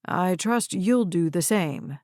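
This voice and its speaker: A composed, shrewd lawyer man, as a woman narrator voices him, speaking in measured, cool tones. It is a dry, close audiobook recording. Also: on the low side, animated, darkish tone, no room sound.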